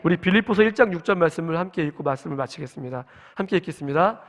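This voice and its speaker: A man's voice: a little high, expressive, rapid-fire. A man in his forties, a pastor, preaching a sermon in an earnest, conversational way and asking the congregation questions. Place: church sanctuary at early-morning service. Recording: long reverb in a church hall.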